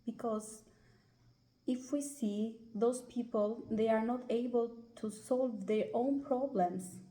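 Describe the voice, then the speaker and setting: Slow, hesitant Albanian-accented woman. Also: fairly high pitch, steady tone, dark tone. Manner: hesitant, many pauses and "uh" fillers. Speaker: guest. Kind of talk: personal life story in an interview. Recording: roomy echo.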